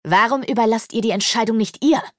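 A woman's voice: on the low side, expressive, normal speed, no echo, clean studio sound, natural voice. A woman voicing a haughty, cruel male demon lord who talks down to others with scorn, in an audiobook. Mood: scornful. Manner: scornful, condescending.

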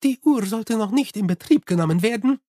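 A man's voice: high-pitched, animated, a little fast, warm tone, no room sound, clean studio sound, voice pushed up. A man voicing a tense scheming noblewoman in an audiobook, clipped and hissed in a raised voice.

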